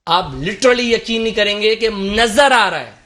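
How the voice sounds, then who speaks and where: A man's voice: high-pitched, animated, bright, forceful tone. A man from Karachi, a guest on a political talk show, arguing in an impassioned, emphatic, rhetorical way. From Karachi, Pakistan.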